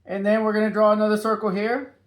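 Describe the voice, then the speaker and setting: Upbeat high-voiced man teaching kids to draw. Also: completely flat delivery, fast talker, a little hiss or hum. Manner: upbeat, sing-song, adds playful sound effects. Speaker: drawing teacher for children. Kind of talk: step-by-step children's drawing tutorial.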